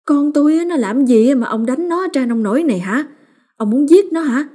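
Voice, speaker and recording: A woman voicing a fierce, protective village mother who scolds and shouts in rapid bursts, as a character in an audiobook. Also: fairly high pitch, pitched above the performer's own voice, natural voice. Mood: furious.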